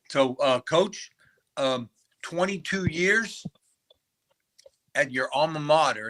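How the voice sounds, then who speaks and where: A bright-voiced male host breaking up on a glitchy call. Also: medium pitch. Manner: scripted introduction with fillers when unscripted. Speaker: sports show host interviewing a coach. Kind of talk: remote call interview.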